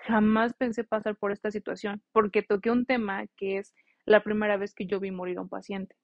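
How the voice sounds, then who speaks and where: A woman's voice: mid-range voice, flat delivery, a little fast, dry recording. Earnest young woman nurse, dull dry sound. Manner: earnest, heartfelt storytelling with direct advice. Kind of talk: casual spoken monologue to nursing students. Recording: slightly dull, dry recording.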